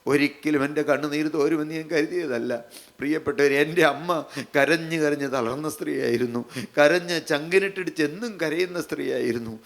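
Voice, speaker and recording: A man preaching a sermon, repeating phrases emphatically, slowing down on key lines and putting questions straight to his listeners. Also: a little high, vocal fry. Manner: repetitive, emphatic phrasing with slowed, drawn-out lines; addresses listeners directly with questions.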